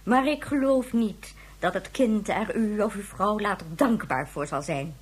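In a Dutch radio drama, an actress plays a stern, reproachful government leader who sounds formal, cutting, and authoritative. Her mid-range voice is slightly husky and unhurried. The mood is stern and skeptical.

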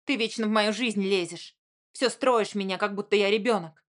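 A woman's voice: moderate pace, close to an everyday voice. A woman doing a furious tearful younger sister. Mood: accusing. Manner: shrill, sobbing outbursts.

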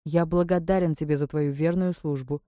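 Woman doing a cold stern lord, low dark curt voice, dry sound. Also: fairly even intonation, normal speed, no echo, close to an everyday voice. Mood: cool. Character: cold stern male ruler, unyielding.

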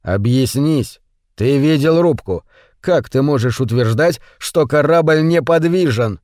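A man's voice: medium pitch, expressive, measured pace, a little mellow, no echo, studio quality, close to an everyday voice. A man voicing a blunt male ship engineer who talks in a demanding way.

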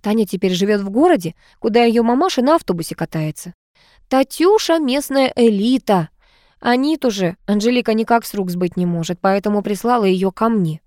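A woman's voice: mid-range voice, lively intonation, brisk, warm tone, no echo, studio quality, lightly acted. A woman voicing a flamboyant, much-married society aunt who chatters dramatically in an audiobook. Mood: gushing.

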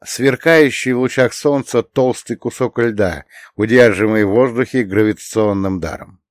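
A man's voice: lowish voice, no room sound, studio quality. A man narrating a first-person fantasy audiobook in a wry, conversational way, with the occasional curse.

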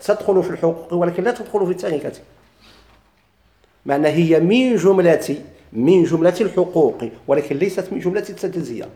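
رجل بلهجة مغربية يلقي درساً في الفرائض، يكرر المصطلحات ويسأل طلابه. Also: male voice, sits high, expressive, brisk, warm tone, roomy sound. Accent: Moroccan Arabic. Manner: repeats key terms, quizzes students. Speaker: teacher of Islamic inheritance law. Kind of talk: classroom lecture, questions and answers.

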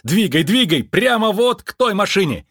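A man's voice: medium pitch, very animated, moderate pace, fairly bright tone, no echo, clean studio sound. A man voicing an impatient, anxious male pianist in an audiobook, urgent and bossy. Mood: frantic. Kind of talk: audiobook character voice.

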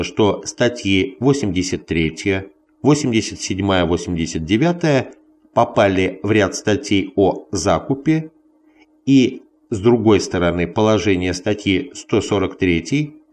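A man reading a scholarly history text aloud in measured separate phrases, as if dictating it. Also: low voice, expressive, a little mellow. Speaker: audiobook reader.

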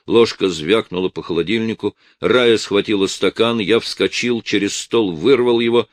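A man giving an expressive first-person audiobook narration. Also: lowish voice, normal speed, no echo, studio quality.

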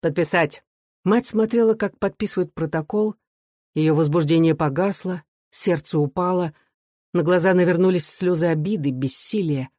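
An audiobook reader narrating a classic novel in a measured, expressive way. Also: medium pitch, dry recording, clean studio sound. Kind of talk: literary narration.

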